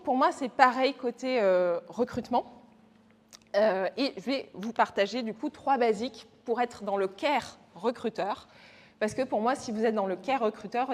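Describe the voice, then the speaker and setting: A woman giving a lively, chatty conference talk with many fillers. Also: a little high. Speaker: conference speaker. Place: event stage. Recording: long reverb in a hall.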